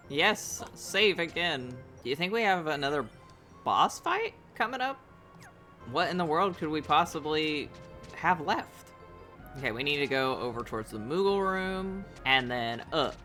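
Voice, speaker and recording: A man's voice: fairly high pitch, expressive, a little slow, pushed and bright, soft background music. A man giving casual gameplay commentary, chatty and talking to viewers, laughing often. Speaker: let's play host.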